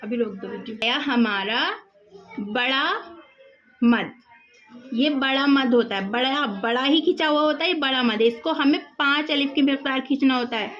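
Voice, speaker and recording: A woman teaching the rules of Quran recitation, patiently repeating each example and slowly drawing out the sounds. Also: sits high, fairly bright tone, faint music behind.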